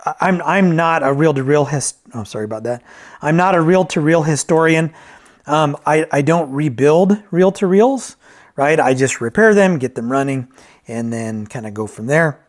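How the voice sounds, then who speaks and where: A man who reviews and repairs vintage tape decks talks casually through an unscripted product review. His voice is a little high and expressive, at a moderate pace. He rambles, corrects himself, and keeps checking in with "right?".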